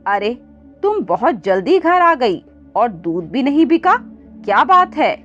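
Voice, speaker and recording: A woman's voice: a little high, big pitch swings, a little slow, fairly bright tone. Woman doing a scolding greedy old mother-in-law. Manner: scolding, bossy. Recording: dull lo-fi with faint music.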